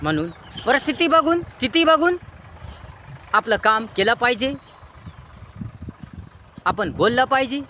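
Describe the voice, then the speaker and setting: A man's voice: extremely high pitch, animated, measured pace, long pauses, sharp tone, a little hiss or hum. A man giving a preachy moral talk, listing near-synonyms in long repetitive chains. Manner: earnest, preachy. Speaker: motivational speaker. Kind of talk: moral advice monologue.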